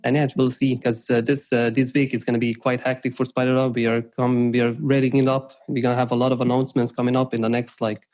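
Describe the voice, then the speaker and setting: A man's voice: medium pitch, flat delivery, quick pace, few pauses, a little mellow, faint music behind. Rambling young man from Slovenia. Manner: rambling, many restarts and "right?" tags. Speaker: podcast guest. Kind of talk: casual interview talk.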